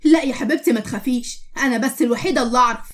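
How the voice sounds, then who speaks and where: A woman's voice: on the high side, rapid-fire, lightly acted. A woman with an Egyptian accent voicing a kindly, pious older widowed landlady who speaks tenderly. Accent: Egyptian Arabic.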